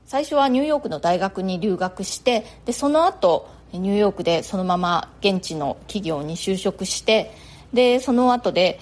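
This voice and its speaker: A middle-aged woman with a Japanese accent talks casually to her podcast listeners. Her delivery is chatty and loose, sprinkled with filler words, at a middle pitch. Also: expressive, moderate pace, a little mellow. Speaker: podcast host.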